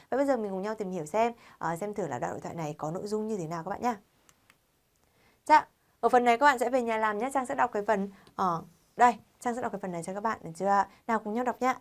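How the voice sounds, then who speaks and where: A Vietnamese-accented woman runs a language lesson at a rapid clip. She talks in a lively, chatty way and keeps checking with her students. Her voice sits at an ordinary middle pitch. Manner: lively, chatty teacher asking frequent check questions. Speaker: Korean language teacher. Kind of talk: online lesson, explaining to students.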